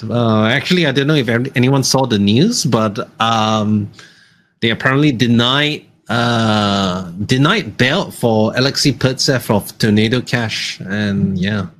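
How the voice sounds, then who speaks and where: Male host, casual panel chat, easygoing and laughing. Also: medium pitch. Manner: relaxed, laughs often. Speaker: podcast host.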